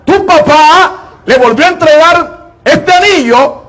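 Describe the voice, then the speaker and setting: Male preacher, very high voice, slow deliberate delivery, emphatic repeated phrases. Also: expressive, fairly bright tone. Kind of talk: sermon.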